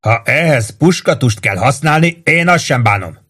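A man reading an audiobook, voicing a gruff army first sergeant who shouts orders at his troops in a loud, raised voice. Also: medium pitch, expressive, pitched above the performer's own voice. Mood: commanding, shouting. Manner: barks commands, curses, loud and emphatic.

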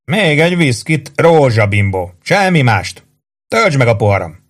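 A man's voice: medium pitch, sing-song, pitched above the performer's own voice. A man doing a sly, needling sergeant. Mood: mocking. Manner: mocking, needling. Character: sly, boisterous male army sergeant, drinking.

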